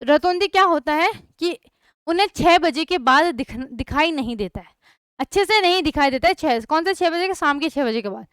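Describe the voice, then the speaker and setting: Young woman chemistry tutor, high bright pitch, dry close sound, quizzes the class. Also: lively intonation, normal speed, no echo. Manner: repeats questions to students, checks understanding often. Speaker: chemistry teacher. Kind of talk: online class lesson.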